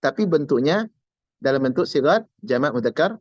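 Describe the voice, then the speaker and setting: A man's voice: mid-range voice, lively intonation, normal speed, dry recording, highs cut off. A man teaching an Arabic grammar class online, explaining patiently and repeating key words step by step.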